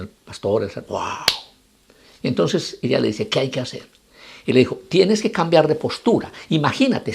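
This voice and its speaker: A man delivers a motivational talk, repeating key phrases and firing off rhetorical questions. His voice is gravelly and a little husky, pitched on the high side for a man, and it swings widely in melody as he drives his points home. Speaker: psychologist and motivational speaker.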